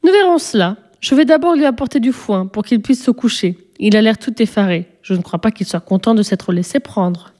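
A woman's voice: on the high side, fairly quick, hardly any pauses, darkish tone, lightly acted. A woman voicing a cheeky young boy in a storybook reading, skeptical and teasing. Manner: mocking, skeptical.

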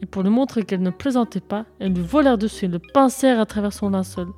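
A woman narrating a children's story in a lively, expressive read-aloud manner. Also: medium pitch, quick pace, soft background music.

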